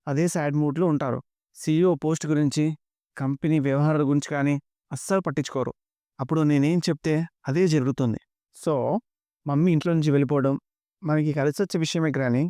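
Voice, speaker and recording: A man voicing a cold, calculating young woman who plots against her family, read rapidly and dry. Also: on the high side, steady tone, dark tone, no room sound, natural voice. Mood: scheming. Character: scheming young woman villain, cold and ambitious.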